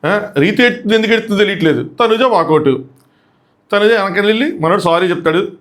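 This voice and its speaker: A man with a Telugu accent giving a quick, animated review of a reality show episode, acting out the contestants' lines. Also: high voice. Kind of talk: fast episode review commentary.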